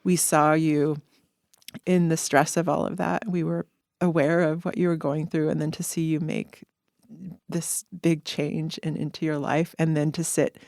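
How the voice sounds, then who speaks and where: A woman's voice: deep voice, little pitch movement, measured pace, a little mellow, no room sound, clean studio sound. A woman who is a friend of the guest, sharing earnest, reflective thoughts in a podcast interview and sometimes searching for her words.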